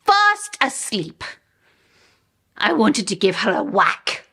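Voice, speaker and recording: A woman with a Polish accent performing a comic monologue as a bemused storyteller, in short phrases with dramatic pauses. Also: medium pitch, sing-song, sharp tone, breathy edge, full character voice. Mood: wry. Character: bemused woman telling an absurd personal anecdote.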